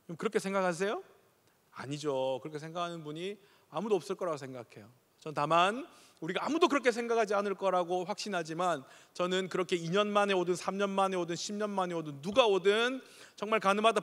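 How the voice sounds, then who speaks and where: A middle-aged man from the region of Korea, preaching to a youth congregation, animated and questioning, acting out voices. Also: sits high. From Gyeongsang region, Korea. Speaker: pastor. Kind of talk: sermon. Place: large church sanctuary. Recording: reverberant church sanctuary.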